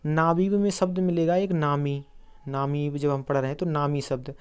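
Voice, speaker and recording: A man's voice: on the high side, little pitch movement, moderate pace, darkish tone, smooth. A man teaching an exam-prep lesson on video, explaining memory tricks and answering his own quiz questions as he addresses viewers as friends. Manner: asks quiz questions and answers them himself.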